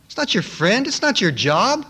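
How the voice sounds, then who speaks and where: A man's voice: high voice, very animated, normal speed, pushed and bright, husky. A man preaching a sermon to a congregation, with an emphatic delivery that repeats key words for effect. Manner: emphatic, repetitive rhetorical delivery.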